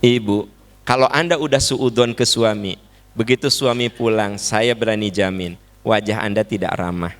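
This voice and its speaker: A male preacher with a Sundanese accent gives a religious lecture in an animated, conversational way. His voice swings from hushed to raised as he acts out everyday dialogue. He keeps his listeners engaged with frequent rhetorical questions and colloquial asides. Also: lowish voice, normal speed. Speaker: Islamic preacher.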